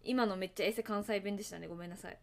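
A woman with a gravelly, mid-range voice talks very fast in a fairly even tone. She's hosting a casual livestream, rambling to her viewers and laughing at herself. Between topics she hums and sings along to songs.

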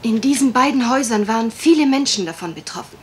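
In a German radio mystery play, a woman lightly acts a genteel young country heiress who is worried and confiding, polite, well-spoken and a little hesitant. Her voice is fairly high and expressive, she talks fast, and there's slight background noise.

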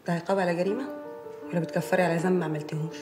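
A woman playing a fast-talking reassuring Egyptian friend. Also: lowish voice, steady tone, echoey room, music in the background, natural voice. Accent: Egyptian Arabic.

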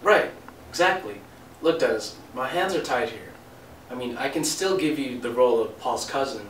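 A young man in an amateur student skit plays an upbeat producer who talks his way around things. His voice is bright. The room is echoey, he is a little off mic, and faint noise sits underneath. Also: mid-range voice, lively intonation, normal speed. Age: young adult. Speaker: student actor playing a casting producer. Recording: roomy, distant, faint noise.

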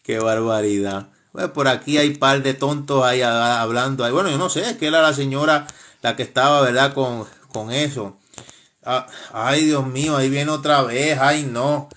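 A man's voice: medium pitch, steady tone, normal speed, a bit bright. A man hosting a live stream, casually commenting in a mocking, laughing way, with frequent exclamations.

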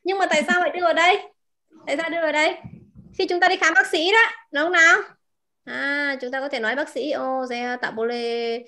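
Bright high-voiced woman teaching vocabulary. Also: steady tone. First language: Vietnamese. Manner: repeats words slowly, asks the class questions. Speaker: language teacher. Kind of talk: explaining vocabulary to a class.

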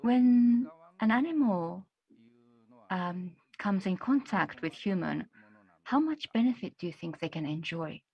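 A woman's voice: mid-range voice, lively intonation, a little slow, slightly rough. A woman working as a simultaneous interpreter, voicing questions into English as an interpretation voice-over on a video call. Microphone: video call interpretation channel. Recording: dull lo-fi video call audio.

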